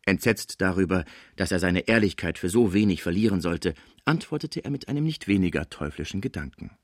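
Low-voiced male audiobook narrator. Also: fairly quick, no room sound, studio quality. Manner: expressive, storytelling.

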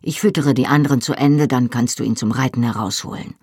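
An audiobook reader voicing a tall young man who speaks calmly and firmly to his little cousin. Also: medium pitch, a little fast, slightly rough, no room sound, clean studio sound. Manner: firm, calm. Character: tall young husband, calm and patient.

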